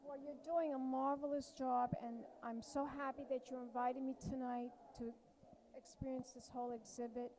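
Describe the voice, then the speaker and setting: Female show host, high register, conversational interviewing delivery. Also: level tone, moderate pace, warm tone, a little hiss or hum, poor audio.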